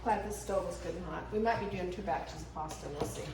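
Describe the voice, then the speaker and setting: A woman's voice: on the low side, fast, heavy background noise. Woman leading a cooking class. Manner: friendly, asks the group questions. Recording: echoey room from a distance, loud chatter.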